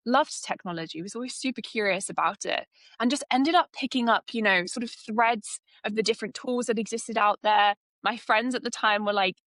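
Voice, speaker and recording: A woman's voice: medium pitch, fairly bright tone, no room sound. A woman in her twenties from the UK, an AI consultant answering podcast interview questions with frequent laughter. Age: 20s. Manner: enthusiastic, laughs often. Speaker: guest, AI consultant.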